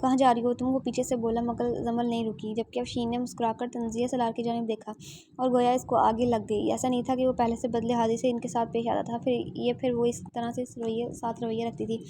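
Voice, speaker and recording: A woman reading a romance novel aloud as narrator, in a steady, low-key storytelling manner. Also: brisk, a little hiss or hum.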